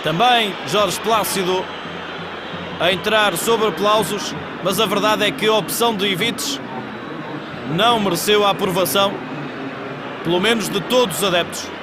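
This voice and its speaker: A man with a European Portuguese accent giving live football match commentary in measured, descriptive phrases. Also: high voice. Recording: 1980s TV broadcast, loud stadium crowd noise. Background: football stadium crowd.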